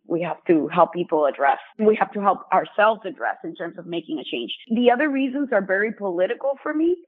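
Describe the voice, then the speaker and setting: A woman from Rico, a psychiatrist earnestly telling her story in an interview. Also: on the low side. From Puerto Rico. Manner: earnest and explanatory. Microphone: phone. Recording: tinny phone line.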